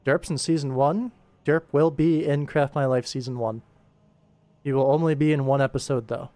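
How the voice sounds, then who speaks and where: This livestream host, an animator, has a mid-range, dark voice and keeps a steady tone at normal speed. There's no echo, though music runs behind him as he chats easily with viewers and talks through his work.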